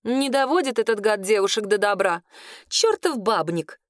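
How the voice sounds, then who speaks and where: A woman's voice: medium pitch, animated, moderate pace, no room sound, studio quality, lightly acted. A woman reading an audiobook, voicing a blunt, sardonic kitchen woman who talks dryly. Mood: grumbling. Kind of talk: audiobook character voice.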